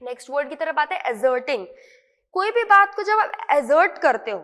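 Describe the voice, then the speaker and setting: A woman's voice: high-pitched, very animated, normal speed, a bit bright, long reverb tail. A woman with an Indian accent teaching English vocabulary in an online lesson, repeating words and checking in with her students often.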